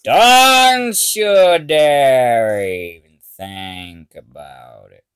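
Male gamer, berserk rage commentary, frustrated yelling, wildly varied high pitch. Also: animated, drawn-out words, clear, resonant tone, no echo. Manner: berserk raging, yelling and screaming in frustration at the game. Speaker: gamer recording gameplay.

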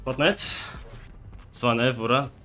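Young guy streamer, sharp bright voice, doing push ups while gaming, music behind him. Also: medium pitch, moderate pace. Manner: slangy, exertion from doing push-ups between game rounds. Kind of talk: excitable casual livestream gaming commentary.

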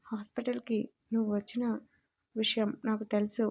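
A woman's voice: on the high side, level tone, moderate pace, a little mellow, slightly rough. A woman voicing a timid, tearful young wife who pleads earnestly in a storybook reading. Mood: pleading.

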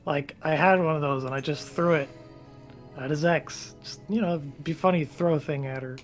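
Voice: mid-range voice, normal speed, faint music behind. Exasperated, joking game co-host. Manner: animated storyteller, exasperated and joking. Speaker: co-host reading game dialogue aloud. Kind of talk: casual chat while playing a game.

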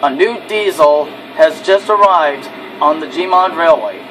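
A man's voice: on the high side, fairly bright tone, a little hiss or hum, poor audio. A man narrating an amateur toy-train video, stumbling and restarting his sentences. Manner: halting, frequent restarts.

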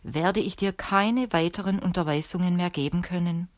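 A woman reading the lines of a calm, stern old male sorcerer teacher in a measured, instructive way for an audiobook. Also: fairly low pitch, no room sound, close to an everyday voice.

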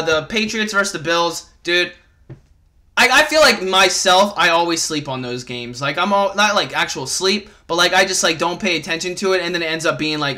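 A man's voice: on the high side, pushed and bright. A young man hosting a casual sports podcast, ranting in a fired-up, rambling way with plenty of swearing. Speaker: podcast host.

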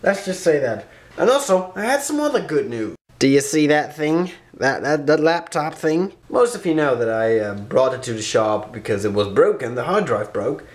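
A young man with a Dutch accent, vlogging casually from his room into a camera mic, rambling and excitable with sudden high yelps. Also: normal speed, roomy sound. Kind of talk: casual daily vlog.

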